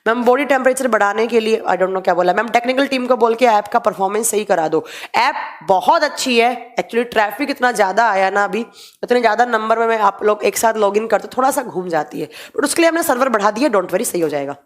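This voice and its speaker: Brisk high-voiced woman teaching biology. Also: lively intonation. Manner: mixes Hindi with English terms, brisk and matter-of-fact. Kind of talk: live online class reading and answering chat questions.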